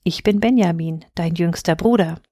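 A woman's voice: lowish voice, normal speed, warm tone, no room sound, clean studio sound, lightly acted. A woman voicing a kind, earnest young prince in a fairy tale reading.

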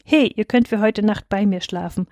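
A woman's voice: medium pitch, normal speed, mellow, no room sound, clean studio sound, natural voice. A woman voicing a friendly male master builder who talks in a conversational way.

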